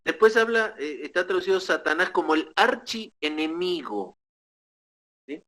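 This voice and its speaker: Pastor de voz algo aguda predicando. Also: male voice, high-pitched, expressive, bright, forceful tone, rough recording. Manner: teaching, checks in with short tag questions; measured, with pauses and restarts. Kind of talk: sermon.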